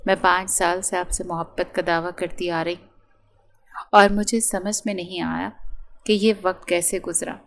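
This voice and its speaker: A lovesick young woman from a romance audiobook pours out her heart in a soft, pleading voice, read by a woman. Her pitch sits slightly low. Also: little pitch movement, creaky. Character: lovesick young woman, law graduate, earnest.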